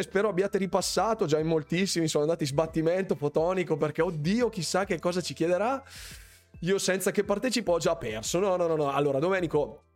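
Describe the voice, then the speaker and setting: A playful man from Bergamo in northern Italy hosts a live gaming quiz stream, greeting and casually chatting with viewers. His slightly high voice repeats words in bouncy runs, while faint music plays softly in the background.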